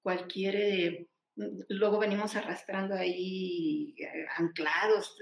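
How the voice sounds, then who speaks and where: A woman's voice: lowish voice, steady tone, takes it slowly, creaky. A woman casually retelling a personal experience, acting out the quoted dialogue and often restarting her sentences. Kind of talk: casual spoken storytelling in a live chat. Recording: echoey room.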